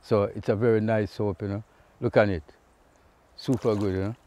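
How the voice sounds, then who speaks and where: A middle-aged vlogger with a Jamaican accent casually explains a task outdoors by a river in a how-to vlog. His voice is lowish and darkish, with fairly even intonation and a moderate pace. He's easygoing and says "you know" a lot.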